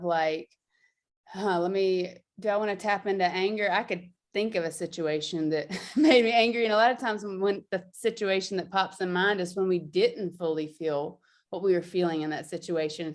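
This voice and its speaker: A woman explaining a movement practice in casual chat, talking loosely with frequent fillers and laughs. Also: mid-range voice. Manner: chatty, laughs often, many fillers. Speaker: guest teacher.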